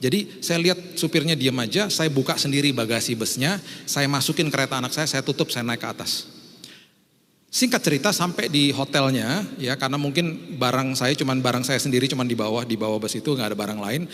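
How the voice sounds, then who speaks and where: A man's voice: mid-range voice, fairly quick, fairly bright tone. Middle-aged indonesian pastor guy telling a story in his sermon, acts out the quotes, big echoey hall. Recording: long hall reverb.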